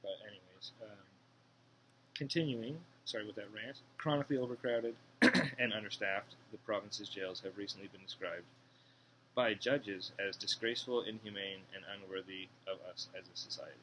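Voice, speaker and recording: Male, low bright voice, profane indignant ex-inmate monologue, faint hiss behind. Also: normal speed, poor audio. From Canada. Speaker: former inmate reading and commenting on an article. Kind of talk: casual monologue, reading aloud with commentary.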